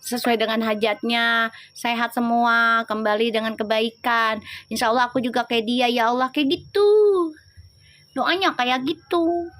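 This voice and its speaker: Chatty high-voiced woman. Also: fairly even intonation, a little slow, a bit bright. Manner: chatty, teasing, slangy, switches to prayer. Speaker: tarot reader. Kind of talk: livestream tarot reading and chat with viewers.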